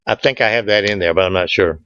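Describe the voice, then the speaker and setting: This club presenter speaks quickly in a low-leaning, fairly bright voice that is clear and resonant. He's at a lectern in an indoor meeting room, running an informal slideshow full of folksy jokes and audience back-and-forth. The audio is a dull, lo-fi room recording.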